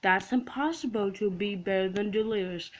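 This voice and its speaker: A woman hosting a casual gaming video, loud, profane and excitable. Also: medium pitch, moderate pace, low-quality recording. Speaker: gaming channel host.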